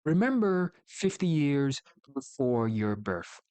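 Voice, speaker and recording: A man's voice: mid-range voice, big pitch swings, takes it slowly, a little mellow, clear, resonant tone, no room sound. A man streaming solo, casually thinking aloud in a rambling, opinionated way and often correcting himself mid-sentence. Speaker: VTuber streamer.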